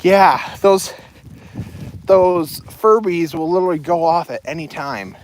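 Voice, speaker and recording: A woman's voice: lowish voice, a little slow, a little mellow, a little hiss or hum. A young adult woman chatting casually to her viewers while she walks outdoors with a loaded backpack, rambling from one topic to the next. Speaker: livestreamer. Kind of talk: casual walking livestream chat. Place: outdoors on a walk.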